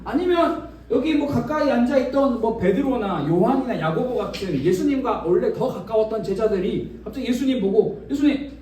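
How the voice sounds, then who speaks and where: A man's voice: very high-pitched, lively intonation, moderate pace, hardly any pauses, darkish tone, slight background noise. A man giving a children's sermon in a church, asking the kids questions and acting out imagined dialogue. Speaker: children's ministry preacher. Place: church worship room. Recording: very echoey room, from a distance.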